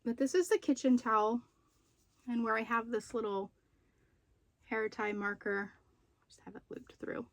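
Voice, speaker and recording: A woman's voice: fairly high pitch, fairly even intonation, creaky, no echo. Woman, craft vlogger, chatty, rambling, slightly out of breath, at home. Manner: chatty, rambling, pauses to recall details. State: slightly out of breath after being sick. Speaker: crochet and knitting vlogger. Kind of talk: casual show-and-tell of craft projects. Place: room at home with poor lighting.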